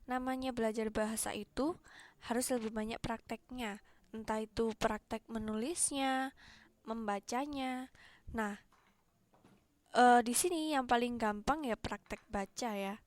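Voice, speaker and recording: A woman's voice: fairly high pitch, a little slow, pauses often, dry recording. A woman teaching an English class online, chatty and encouraging, speaking into a meeting microphone.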